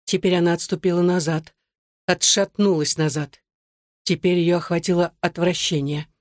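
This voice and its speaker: A woman reading an audiobook story in a calm, even voice. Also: on the low side, normal speed, dry recording, clean studio sound. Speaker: narrator. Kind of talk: audiobook narration.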